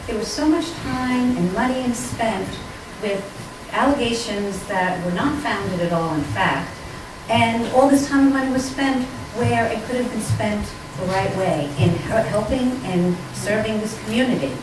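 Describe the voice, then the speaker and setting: A woman giving a public comment at a town meeting, earnest and deliberate, repeating herself for emphasis. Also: medium pitch, expressive. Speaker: resident speaking at a town meeting. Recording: echoey hall from far off, background noise.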